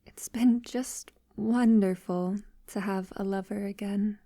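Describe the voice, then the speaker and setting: In this close, ASMR-style audio roleplay, a woman plays an ancient, rich vampire lover, half-whispering gently and pausing hesitantly. Her medium-pitched voice stays steady and sounds fond and wistful, captured cleanly in a studio with no echo.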